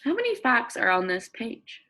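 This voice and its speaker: A woman with a fairly high voice reads a nonfiction book the way a teacher of young children would. Her reading is expressive and deliberate, peppered with questions for listeners and simple explanations spoken as she thinks.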